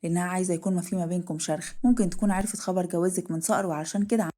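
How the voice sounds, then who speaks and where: A steady female confidante offers reassurance in fast Egyptian speech, as a woman storyteller voices her. Her tone is low and soothing, told audio-story style. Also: natural voice. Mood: reassuring. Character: calm, wise female friend giving counsel.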